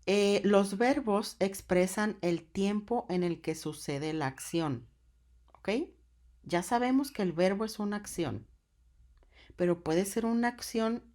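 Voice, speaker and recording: Slow, patient woman teaching grammar. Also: medium pitch, darkish tone. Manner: patient, checks in with frequent "ok?". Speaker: Spanish teacher. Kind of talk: classroom grammar lesson.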